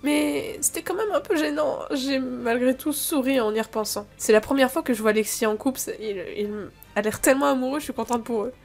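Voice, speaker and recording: A woman reading a dating game aloud, expressive and chatty, giggling between lines and adding casual asides. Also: a little high, a little fast, hardly any pauses, soft background music.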